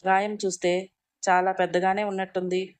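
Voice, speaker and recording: A woman's voice: mid-range voice, little pitch movement, moderate pace, natural voice. A woman voicing a playful, teasing young sister-in-law in a storybook reading. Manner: mocking, playful.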